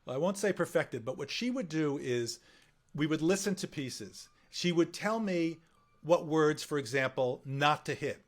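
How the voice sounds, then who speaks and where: Lively, higher-voiced man telling stories. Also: a little slow. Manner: lively storyteller who acts out quoted voices; laughs often. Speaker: medical correspondent guest. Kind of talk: casual conversation.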